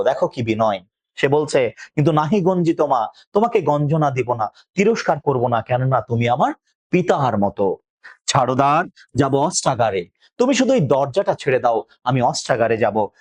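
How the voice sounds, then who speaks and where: A man's voice: medium pitch, lively intonation, normal speed, a little mellow, no room sound. A man teaching a poem, reciting verse lines and then explaining them, asking his class questions and answering them himself.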